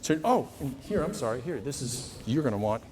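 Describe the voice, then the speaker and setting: A man working as a stage hypnotist and host, bantering off the cuff with volunteers in a halting way, often repeating phrases. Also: medium pitch, big pitch swings, a little mellow. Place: indoor college stage show with audience. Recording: echoey hall PA with noisy background.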